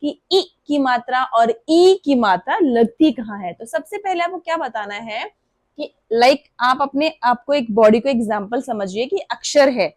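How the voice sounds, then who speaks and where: A woman walks parents through a children's letter lesson. Her voice sits high, and she repeats example words slowly and draws them out. The sound is dry, with no room echo. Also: animated. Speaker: preschool Hindi teacher.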